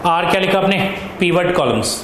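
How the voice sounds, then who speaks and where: A man's voice: sits high, expressive, brisk, fairly bright tone. A male economics tutor, dictating notes in a lecture and checking with his students. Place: classroom. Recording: echoey classroom with faint noise.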